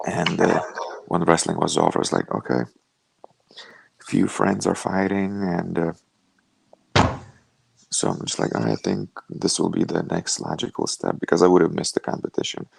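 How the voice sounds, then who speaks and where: A young man from Lithuania, a fighter telling his story over a video call in a relaxed, rambling way with lots of "like". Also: low-pitched, moderate pace, gravelly, pauses often, breathy edge, dry recording. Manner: relaxed storytelling, many "like" fillers. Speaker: guest, professional fighter.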